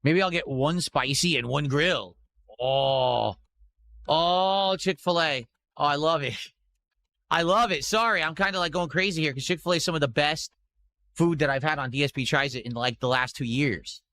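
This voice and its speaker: A man talks casually to his livestream viewers. His voice is bright and forceful, pitched a little high. He rambles along, blunt and given to gushing. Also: moderate pace.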